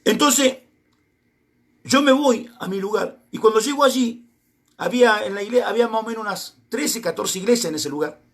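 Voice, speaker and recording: A man's voice: high voice, moderate pace, a bit bright. A middle-aged man with an Argentine accent preaching a sermon, telling a personal testimony and acting out both sides of the conversations in it. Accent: Argentine Spanish.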